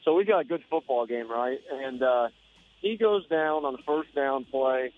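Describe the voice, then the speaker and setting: A man phoning in a live sideline report from a high school football game, recapping plays in a relaxed, conversational way. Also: normal speed. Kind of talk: live field report by phone. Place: at a football stadium. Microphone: phone. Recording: tinny phone line.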